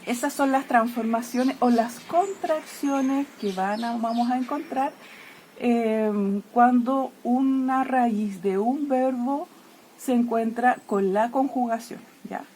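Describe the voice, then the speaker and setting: Higher-voiced woman teaching with constant check-ins. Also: slow pace, darkish tone, slight background noise. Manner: playful, personifies letters dying and fighting. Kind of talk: explaining Greek grammar lesson.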